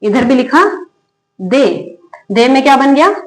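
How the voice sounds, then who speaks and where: A woman teaching English spelling rules in Hindi, asking questions and answering them herself, drawing out example words slowly. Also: high-pitched, expressive. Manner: repeats questions and answers them herself, slow drilled word readings. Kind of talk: Hindi-medium spelling lesson at a board. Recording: echoey room.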